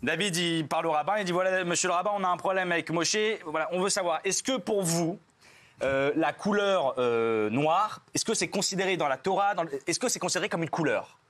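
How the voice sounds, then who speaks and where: A young man telling stand-up jokes, quickly acting out each character's lines. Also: fairly bright tone. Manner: quick joke delivery, acts out characters' lines with shifting pitch. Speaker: stand-up comedian.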